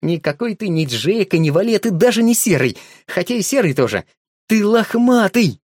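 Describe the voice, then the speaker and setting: A man puts on an eager young village boy for an audiobook, raising his voice high above his own. The boy calls out, pleads and exclaims with a bouncy, lively melody. The sound is dry and close. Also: normal speed, slightly rough, no echo. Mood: wondering. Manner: excited, calling out and pleading. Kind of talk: audiobook character voice.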